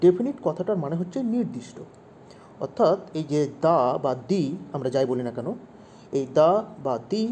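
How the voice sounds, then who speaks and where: A man's voice: a little high, mellow, a little hiss or hum. A man teaching English grammar to young pupils, asking questions and repeating the main points. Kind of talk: explaining grammar to children.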